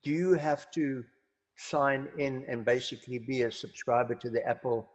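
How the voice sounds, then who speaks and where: A man's voice: mid-range voice, steady tone, moderate pace. A man in the audience asking a casual question, hesitant with fillers. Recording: dull lo-fi sound.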